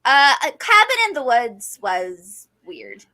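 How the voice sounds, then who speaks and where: A woman co-hosting a podcast, giggly and animated in casual chat. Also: high-pitched, slow. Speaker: podcast co-host.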